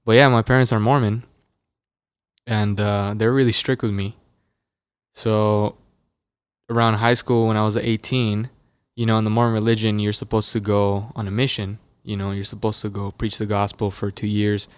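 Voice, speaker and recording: In a podcast studio, a young Las Vegas musician chats as a guest in a casual interview, his stories loose, relaxed and filler-heavy. He speaks at a moderate pace in a lowish, clean voice with no echo. A dynamic studio mic picks him up.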